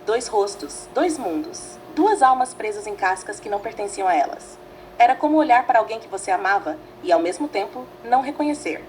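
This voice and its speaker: A woman narrating a fanfiction story in a dramatic, measured way, reading in short phrases. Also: mid-range voice, expressive, a little mellow, slight background noise, low-quality recording.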